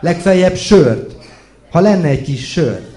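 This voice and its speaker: A man reading out a tipsy, boastful man who fixes wiring, shouting loudly and excitedly. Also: medium pitch, lightly acted. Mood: boisterous. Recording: echoey room.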